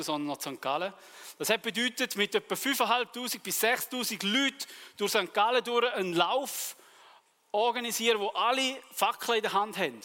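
High bright-voiced Swiss preacher. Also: male voice, long reverb tail. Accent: Swiss German. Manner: lively storyteller acting out dialogue. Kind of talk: sermon with personal stories.

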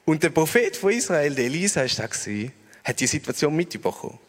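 A Swiss German-accented male preacher tells his story in a chatty, animated style, his voice sitting high and moving lively up and down. A long reverb trails his words through the hall. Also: fast talker. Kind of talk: storytelling sermon.

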